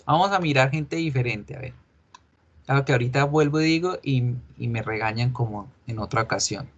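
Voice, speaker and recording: A man teaching an English class, patiently explaining and repeating example answers slowly. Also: medium pitch, lo-fi sound. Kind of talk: online class lecture.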